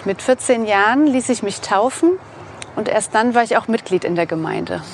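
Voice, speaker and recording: A woman in her thirties from eastern Germany, calmly presenting to camera outdoors on a lapel mic. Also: a little high, normal speed, a little hiss or hum. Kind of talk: scripted explainer to camera. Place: outdoors in a sunny park.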